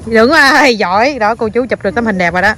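A woman's voice: fairly high pitch, animated, quick pace, fairly bright tone, slight background noise. Doting mother coaxing her toddler outdoors. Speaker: mother filming her child. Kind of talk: casual home video chat with a toddler. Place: outdoors on a lawn.

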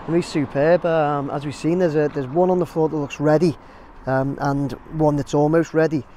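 A man with an English accent narrates his drone footage outdoors near a construction site, rambling and chatty and calling viewers "guys" in casual vlog style. His voice sits on the high side, mellow and steady, at a normal speed. There's slight background noise.

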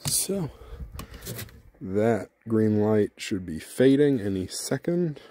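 Low, mellow-voiced man narrating a mower test. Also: very animated, slow. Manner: thinking aloud, conversational, explanatory. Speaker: video creator testing a robot mower. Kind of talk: casual tech vlog narration. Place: indoors, at home near a computer, at times outside.

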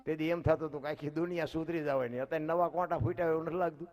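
Man, live folk storyteller, chatty, high voice. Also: steady tone, very fast, faint music behind. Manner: chatty, addresses listeners directly, laughs softly.

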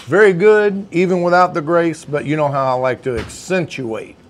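A man's voice: a little high, moderate pace, a little hiss or hum. A man, chatting casually as he reviews food in a deli, folksy and savoring each bite. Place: indoor deli dining room.

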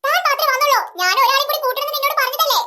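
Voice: extremely high pitch, rapid-fire, background noise. A performer doing a haughty scheming rich madam. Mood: bossy. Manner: haughty, plotting, drops English words.

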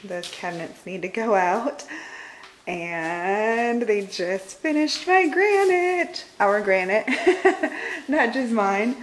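A woman in her thirties, speaking at a slow pace in a mid-range voice with lively intonation, films a casual, upbeat home tour vlog on a handheld camera while staying off screen. She chats with lots of fillers as she walks through a large house with an open living room and kitchen. The recording is rough, with slight background noise.

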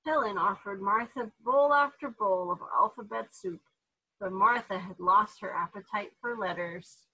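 A woman reading a children's storybook aloud with animated delivery, putting on voices for the characters. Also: medium pitch, measured pace, slightly rough, lo-fi sound. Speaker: therapy dog handler reading to kids.

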